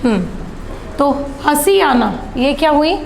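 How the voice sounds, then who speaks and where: High-voiced woman teaching a grammar lesson. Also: expressive, a little slow, vocal fry, big-room sound, slight background noise. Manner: asks questions and answers them herself.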